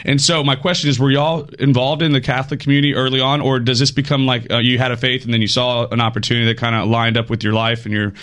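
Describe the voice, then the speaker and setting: Fast-talking male radio host. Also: medium pitch, level tone, fairly bright tone. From Texas. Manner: friendly, rambling questions with fillers. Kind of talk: casual radio interview.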